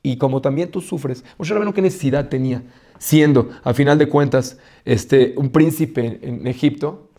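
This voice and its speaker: A rabbi giving a Torah lesson, asking rhetorical questions, restarting phrases and weaving in Hebrew terms. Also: male voice, medium pitch, normal speed, warm tone.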